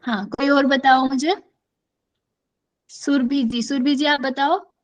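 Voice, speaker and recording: A woman's voice: high-pitched, steady tone, slow pace, poor audio. A woman teaching an online class, calling on students by name and mixing Hindi with English words. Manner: quizzes students by name, switches often between Hindi and English.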